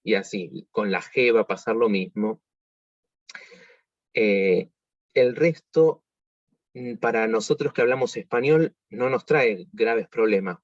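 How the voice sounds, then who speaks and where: A man with an Argentine accent teaching an online music workshop, explaining slowly with many fillers and restarts. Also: on the low side, no echo, lo-fi sound. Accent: Argentine Spanish.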